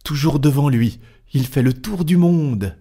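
A man voicing a chatty, excitable young French manservant in an audiobook, talking eagerly and fast. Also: a little high, slightly rough, voice pushed up. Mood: excited. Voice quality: eager, quick, talkative. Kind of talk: audiobook character voice.

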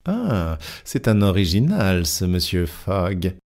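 Man doing probing police inspector, slow deliberate questions, low mellow voice, audiobook. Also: big pitch swings, heavily acted. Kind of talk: audiobook character voice.

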